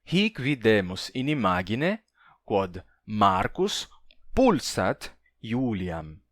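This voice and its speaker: A man with a Brazilian Portuguese accent teaching a language lesson. He reads Latin slowly, with playful sound effects. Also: on the low side, sing-song, no echo, clean studio sound. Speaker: language teacher and channel host. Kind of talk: language lesson with a sponsor read.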